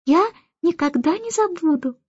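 A woman's voice: a little slow, dry recording, dull audio. Woman doing a tiny insistent newborn girl. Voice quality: high, soft cooing.

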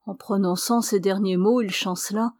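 A woman reading a novel aloud as an audiobook narrator, measured and even. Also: mid-range voice, no room sound, studio quality. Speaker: audiobook reader.

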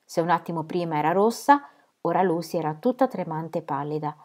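A woman reading a novel aloud in a measured, expressive audiobook style. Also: on the low side. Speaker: reader.

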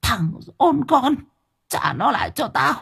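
A man voicing a crazed, ravenous old grandmother who screeches curses in a raspy, cracking voice. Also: very high-pitched, big pitch swings, bright, forceful tone, pitched above the performer's own voice, exaggerated voice. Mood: screaming rage. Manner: screeching curses, drawn-out wails.

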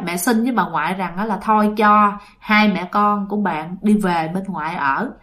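A woman's voice: fairly high pitch, fairly bright tone. Chatty woman storyteller. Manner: chatty, addresses listeners directly. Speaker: ghost story narrator. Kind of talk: spoken ghost story narration.

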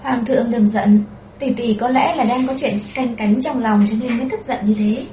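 A woman voicing a scheming imperial consort who talks softly and sweetly, in a roomy, distant recording. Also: a little high, normal speed, a little hiss or hum, close to an everyday voice. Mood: honeyed. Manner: soft-spoken, sweetly persuasive.

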